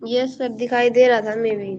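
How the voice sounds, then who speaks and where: A woman's voice: fairly high pitch, flat delivery, moderate pace, darkish tone. A woman student giving brief, polite answers to her teacher in an online class. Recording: dull, slightly noisy online-call audio.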